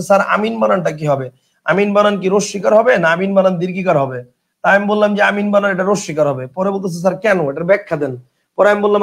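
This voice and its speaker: A Bangladeshi man teaching an online grammar class, his voice pitched high with a gravelly edge. He talks casually, repeats each rule several times, and keeps asking the students whether it is clear. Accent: Bangladeshi colloquial Bengali. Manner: chatty, repetitive drilling, checks if students understand; reads out student questions from chat. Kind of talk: online exam-prep class.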